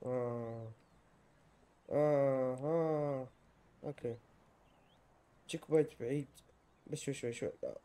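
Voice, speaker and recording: A young man with an Iraqi Arabic accent gives excitable let's-play commentary and often yells in panic while playing. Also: mid-range voice, measured pace, pauses often. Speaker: gamer.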